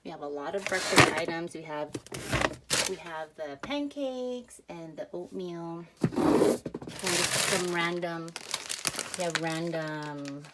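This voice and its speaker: A woman's voice: lowish voice, slow, very noisy. Chatty woman touring her pantry, out of breath. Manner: chatty, lots of fillers like "like" and "um". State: out of breath after a workout. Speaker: family vlogger. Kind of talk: casual home tour narration. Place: home kitchen, pantry and garage.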